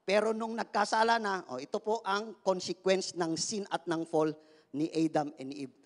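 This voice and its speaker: A man's voice: high-pitched, steady tone, moderate pace, in a large hall. A male pastor preaching a sermon in a playful way, joking with the congregation, asking for their replies, and mixing English phrases into his talk. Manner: mixes English phrases into speech.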